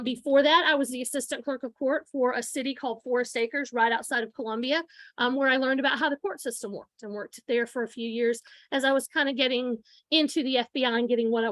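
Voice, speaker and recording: Her voice is a little high with a fairly bright tone as she lectures students informally in a room. She's a woman in her forties, a guest forensic science instructor projecting her teacher voice without a mic, captured in a dry recording.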